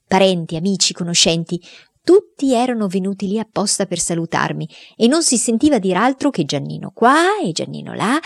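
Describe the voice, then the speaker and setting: A woman reads a children's diary novel aloud as an audiobook, in an expressive storytelling way. Her voice sits somewhat low for a woman. The recording is dry and close, with no room sound. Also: vocal fry, no room sound. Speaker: audiobook reader.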